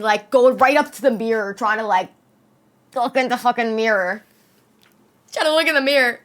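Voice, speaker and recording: A woman's voice: medium pitch, sharp tone. A young adult woman streamer with a slight lisp, chatting casually with her viewers in a rambling way, full of fillers and swearing.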